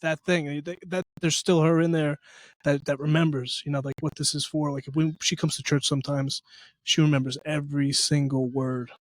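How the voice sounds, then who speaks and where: A man's voice: fairly high pitch, flat delivery, normal speed, no echo. A man with a New Jersey accent, hosting a casual faith podcast chat and talking earnestly in rambling runs full of fillers. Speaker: podcast host.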